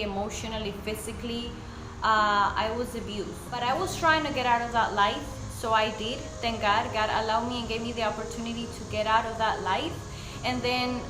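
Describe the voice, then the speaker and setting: A woman's voice: on the high side, background noise. A woman from Colombia in her thirties, speaking English. She tells her own life story to the camera in an earnest, openly emotional way. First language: Spanish. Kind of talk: personal testimony to camera. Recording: roomy sound with music underneath.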